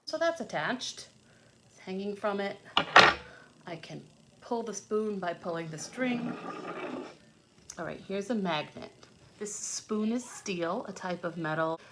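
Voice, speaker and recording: A woman with a medium-pitched, animated voice reads aloud slowly to young children, leaving long pauses. She demonstrates as she goes, thinking aloud and explaining things simply, step by step. The homemade video has noticeable background noise.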